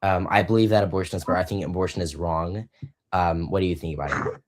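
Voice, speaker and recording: A young man hosting a casual online debate, hesitant, restarting sentences and slowing down to press his points. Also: deep voice, steady tone. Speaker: debate host.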